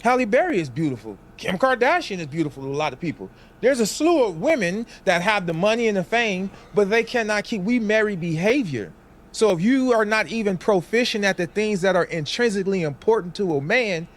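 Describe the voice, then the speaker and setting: A man's voice: high voice, expressive, a little fast. A man on a podcast lecturing in an assertive, opinionated way about what men want.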